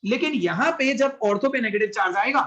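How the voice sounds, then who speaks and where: A man's voice: high voice, brisk, a bit bright, muffled recording. Male chemistry teacher, live class lecture; patient step-by-step explainer who keeps checking understanding, drops English terms into his talk. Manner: explains step by step, often checks if students follow; mixes English science terms into Hindi. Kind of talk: classroom lecture with online students.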